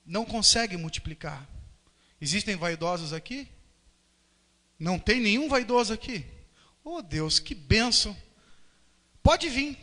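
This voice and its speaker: A high-pitched, bright-voiced Brazilian man preaching from the pulpit. He swings his voice widely, acting out little scenes and quotes. A long church reverb trails after his words. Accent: Brazilian Portuguese. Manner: animated, acts out quotes and voices. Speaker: pastor. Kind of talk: sermon. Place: church hall.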